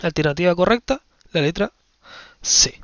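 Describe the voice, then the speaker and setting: High-voiced man teaching physics. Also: lively intonation, moderate pace, fairly bright tone, dry recording, muffled recording. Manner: explanatory, checks in with frequent "¿ya?". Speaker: science teacher. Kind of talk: physics lesson explaining exam questions.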